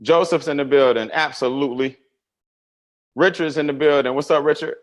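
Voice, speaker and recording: A man hosting a live money webinar, greeting viewers by name and telling stories in a casual, animated way. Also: a little high, moderate pace. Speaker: webinar host.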